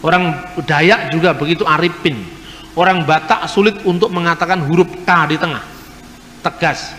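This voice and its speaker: Male lecturer, slightly high pitch, explanatory, roomy reverberant hall recording. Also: fairly even intonation, moderate pace, fairly bright tone. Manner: explanatory, mimics regional pronunciations. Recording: echoey hall with faint noise.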